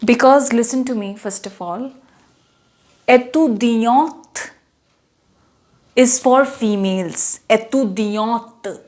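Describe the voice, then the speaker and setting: A woman's voice: fairly high pitch, a little mellow. A young woman teaching a beginner French lesson, repeating and spelling out each phrase patiently. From India. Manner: repeats words slowly, spells them out. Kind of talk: slow, patient language lesson.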